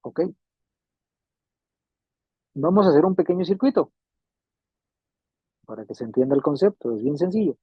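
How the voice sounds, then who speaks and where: Male instructor, fairly high husky voice, patient and repetitive, tinny phone-like recording. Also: lively intonation, normal speed, pauses often, no echo. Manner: patient, repeats points and checks understanding. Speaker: refrigeration electronics instructor. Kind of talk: classroom lecture. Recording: tinny phone-like dry sound.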